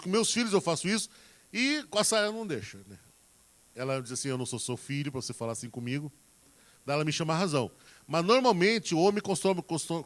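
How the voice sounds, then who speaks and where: Folksy preacher man. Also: a little high. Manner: folksy and direct, addressing the congregation; acts out everyday examples in quoted voices. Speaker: preacher giving marriage advice. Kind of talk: sermon.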